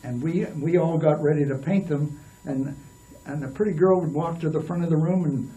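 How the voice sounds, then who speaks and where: Older man telling stories, halting. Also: a little high, mellow, recorded from a distance, lo-fi sound. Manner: rambling, with many restarts and fillers. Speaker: interview guest. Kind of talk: storytelling in a casual interview.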